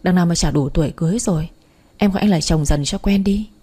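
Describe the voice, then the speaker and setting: A woman's voice: lowish voice, fast, mellow, slightly rough. A woman doing a doting young boyfriend. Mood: playful. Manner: coaxing and playful.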